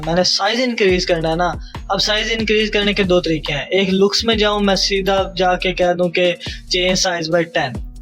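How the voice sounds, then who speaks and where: A young man with a Pakistani Urdu accent leads a screen-recorded coding lesson. His voice sits fairly high and he goes step by step, dropping in English technical terms and stopping to check understanding. Faint music plays under the narration. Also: fairly bright tone. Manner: explanatory, repeats "theek hai?" to check understanding, mixes English coding terms. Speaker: programming teacher.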